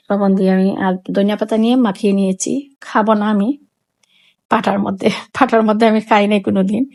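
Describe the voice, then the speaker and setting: In a mid-range, creaky, slightly mellow voice, a woman from Sylhet, Bangladesh, shows viewers how to cook at home. The cooking vlogger speaks with a Sylheti Bengali accent, chatting freely, repeating phrases, and explaining each step.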